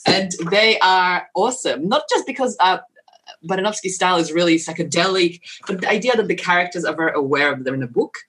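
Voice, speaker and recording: A woman from Poland, answering interview questions in a lively, halting way with many restarts. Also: lowish voice. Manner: animated, lots of restarts and laughs.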